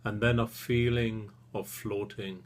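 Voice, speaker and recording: A therapist guides a relaxation session, his voice soothing and gentle, with short phrases separated by long pauses. He speaks on the low side with a level tone.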